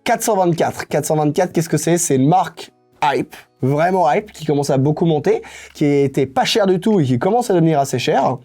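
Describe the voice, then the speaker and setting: A man's voice: a little high, expressive, moderate pace, dark tone. Chatty young man, faint music behind. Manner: enthusiastic, chatty, mixes English slang into French. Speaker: sneaker collector vlogger. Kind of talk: casual unscripted vlog.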